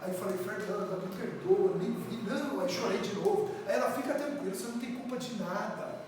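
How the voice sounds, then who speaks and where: A woman's voice: medium pitch, a little fast, a little hiss or hum. Woman telling a story in an echoey church. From São Paulo, Brazil. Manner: animated storyteller acting out dialogue, addressing the congregation. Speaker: preacher giving testimony. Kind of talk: sermon storytelling. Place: church hall. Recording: echoey church hall, distant mic.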